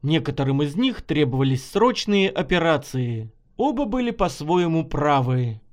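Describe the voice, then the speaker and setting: A male narrator reading his own story aloud with a lively, animated voice and a fairly high pitch. His telling is expressive. This is audiobook storytelling. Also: moderate pace.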